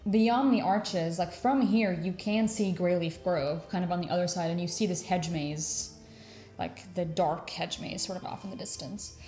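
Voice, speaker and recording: A woman's voice: fairly low pitch, warm tone, faint music behind. Woman dungeon master, easygoing filler-heavy narration, echoey room. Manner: unhurried, many "um" and "like" fillers. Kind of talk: narrating a tabletop game.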